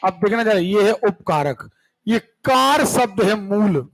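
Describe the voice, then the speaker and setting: A man's voice: sits high, lively intonation, measured pace, low-quality recording. A man teaching a grammar lesson in a classroom, drilling word lists and often checking whether his students understand. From India.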